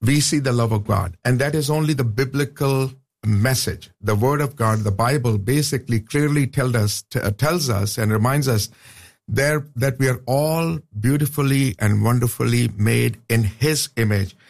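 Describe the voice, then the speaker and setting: A Pakistani professor appears as a guest in a radio studio for a casual interview. His medium-pitched voice has vocal fry and a moderate pace. He speaks earnestly, often restarting his sentences and using "uh" fillers.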